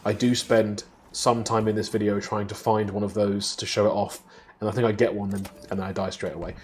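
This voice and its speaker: A man with a lowish voice chats casually about games on a live stream. He laughs easily and fills his talk with ums and restarts. A steady hiss of background noise sits under the recording. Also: brisk. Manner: chatty, laughs often, many ums and restarts. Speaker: co-host of weekly games show. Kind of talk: casual live-stream chat over gameplay footage.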